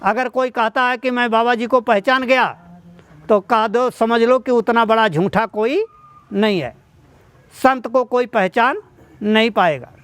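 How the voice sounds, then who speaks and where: A man's voice: very high-pitched, unhurried, a bit bright, clear, resonant tone. A man preaching a devotional sermon. He quotes verses and tells a moral parable to the devotees. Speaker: satsang preacher.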